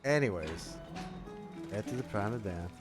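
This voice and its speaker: A man with a lowish, animated voice livestreams a game at normal speed, chatting casually and rambling as he reacts and reads text aloud. Faint game music plays behind his voice.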